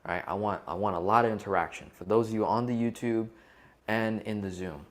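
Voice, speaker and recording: With a lowish voice and a slightly fast delivery, a man co-hosts a casual online coaching seminar on a live video call. He keeps it interactive, asking the audience questions and frequently checking in with "right?"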